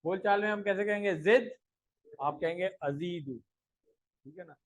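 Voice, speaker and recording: A man teaching an Arabic grammar class, explaining verb forms in a steady classroom voice and leading rhythmic recitation of conjugation tables. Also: sits high, rough recording. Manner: checks understanding with frequent rhetorical asides. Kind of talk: classroom lesson with recitation drills.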